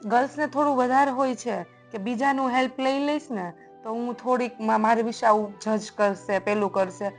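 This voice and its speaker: A woman's voice: fairly high pitch, fairly even intonation, moderate pace, hardly any pauses, soft background music. Chatty young woman podcast host. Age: young adult. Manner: agreeing, chatty, conversational. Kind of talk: casual podcast conversation.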